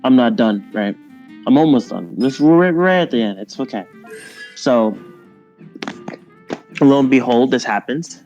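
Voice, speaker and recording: A man of middling pitch spins a long, rambling story about his workplace for his stream audience. He keeps slipping into animated impressions of his coworkers. The mic sounds a bit dull, and faint game music plays underneath. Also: unhurried, long pauses. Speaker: streamer telling a work story. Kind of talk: casual storytelling chat while gaming.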